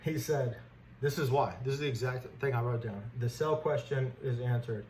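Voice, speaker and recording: A stock trader host lets loose an unscripted, indignant, blunt rant in casual wording, his medium-pitched, darkish voice moving at a moderate pace. The recording is rough, clear, and has background noise.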